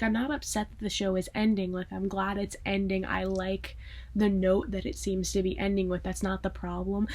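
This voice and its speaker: A woman's voice: mid-range voice, darkish tone. A young woman vlogging in a casual, rambling way, emotional, with lots of fillers and some swearing. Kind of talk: casual chat to camera.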